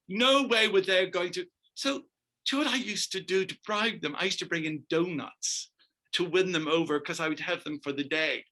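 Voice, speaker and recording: A middle-aged man from Northern Ireland who works as a dancer and choreographer, recounting his past as an interview guest. He talks in an animated, emphatic way and keeps turning to the host by name. His voice sits a little high, with a bright, forceful edge. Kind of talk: storytelling interview.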